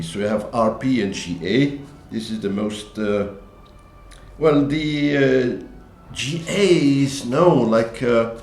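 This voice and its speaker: A man's voice: lowish voice, darkish tone. A man lecturing on pronunciation, rambling with many fillers and asides. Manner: rambling, digressive, with frequent fillers. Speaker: English teacher. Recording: echoey room with faint noise.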